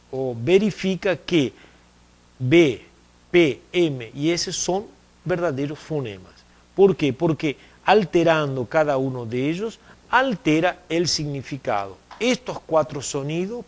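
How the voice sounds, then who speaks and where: Explanatory man lecturing on phonology. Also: on the high side. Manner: explanatory, repeats key terms, checks understanding with "¿eh?". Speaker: university Spanish lecturer. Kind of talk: recorded distance-learning lecture.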